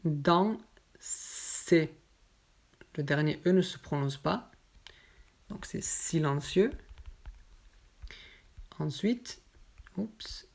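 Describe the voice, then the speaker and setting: A woman teaching French pronunciation, explaining each example word patiently and saying it slowly and carefully. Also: low-pitched, darkish tone. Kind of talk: slow explanatory lesson.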